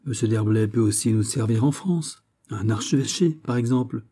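Guy reading as young king, regal, bossy, kinda dark and husky. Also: medium pitch, moderate pace, close to an everyday voice. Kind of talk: audiobook character reading.

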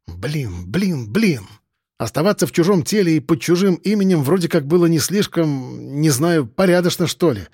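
A man's voice: mid-range voice, darkish tone, dry recording, clean studio sound. A man reading a first-person audiobook in a musing, conversational way. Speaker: narrator. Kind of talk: audiobook narration.

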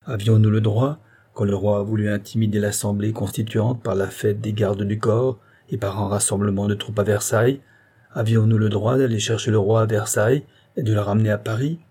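Guy reading a heated country revolutionary, low husky voice, keeps pushing his point. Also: mellow. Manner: heated, insistent, hammering rhetorical questions. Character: blunt revolutionary countryman, vehement and proud.

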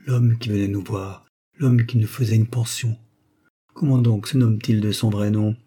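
A man reading the part of a dying old woman who speaks in halting, breathless pleas that drop to whispers. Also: fairly low pitch, fairly even intonation, mellow, breathy edge. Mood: pleading.

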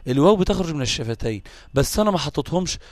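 With an Egyptian Arabic accent, a man teaches Quran recitation in a live online lesson, patiently explaining, repeating terms, and checking in with listeners. His slightly high, darkish voice swings widely in pitch and moves very fast, with no echo.

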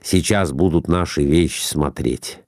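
A man doing a gruff, exasperated merchant husband. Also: a bass voice, a little slow, a little mellow, dry recording, studio quality, voice pushed down. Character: bluff Russian merchant husband, middle-aged.

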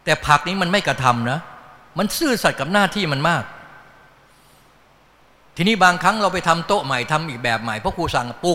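A man's voice: high voice, pushed and bright. A man teaching a Buddhist dharma talk in a folksy storytelling manner, acting out little voices as he goes. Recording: long hall reverb.

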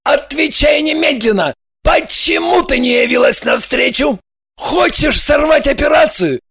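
A woman voicing a flustered, quick-tempered middle-aged male boss in an audiobook, with a gravelly, breathy, slow manner. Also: lowish voice, expressive, a bit bright, no room sound, full character voice. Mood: shouting. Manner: slow, blustering. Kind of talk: audiobook character voice.

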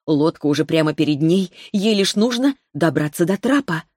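Low-voiced woman narrating fantasy. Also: lively intonation, normal speed, a little mellow, no room sound, studio quality. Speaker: audiobook narrator.

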